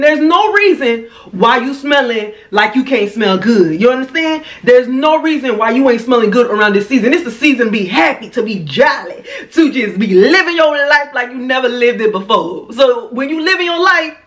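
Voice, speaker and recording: A woman with a Haitian accent, chatting in a casual product review and talking in an animated, slangy way. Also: sits high, moderate pace, few pauses. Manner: animated and slangy, with a lot of "you know what I mean". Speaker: beauty vlogger.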